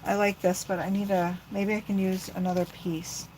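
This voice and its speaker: A woman's voice: medium pitch, level tone, moderate pace, darkish tone, rough recording. Chatty woman, middle-aged, crafting livestream host, rambling, faint background noise. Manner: chatty and rambling, talks to viewers while working. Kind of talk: casual crafting livestream chat.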